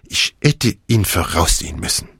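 A man voicing an excitable, fussy aging Belgian detective with a theatrical, exclamatory delivery. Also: low voice, moderate pace, gravelly, breathy edge, no echo, clean studio sound, full character voice. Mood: distraught. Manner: theatrical, exclamatory, self-reproaching.

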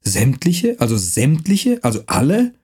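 A man voicing a deferential male master builder who speaks humbly and lower, with a husky voice. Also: huge pitch swings, measured pace, a little mellow, heavily acted. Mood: incredulous.

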